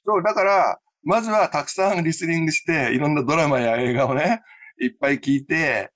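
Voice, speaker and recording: A man who teaches English pronunciation, explaining his method in an interview with a lively, explanatory manner. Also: on the high side, a little fast. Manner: lively, explanatory, many fillers.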